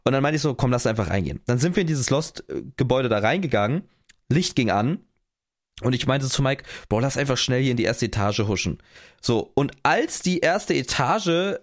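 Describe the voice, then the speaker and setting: A man's voice: medium pitch, lively intonation, normal speed. A young man co-hosting a podcast, narrating a story in casual chat and acting out quoted voices. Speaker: podcast co-host.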